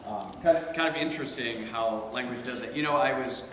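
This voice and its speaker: A man teaches a theology class in a relaxed, conversational way, drifting into animated side stories. His voice sits at an ordinary middle pitch. The sound bounces around a very reverberant room with a long tail and a faint hum underneath. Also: fairly quick. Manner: chatty, digressive, animated storytelling. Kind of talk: casual classroom lecture.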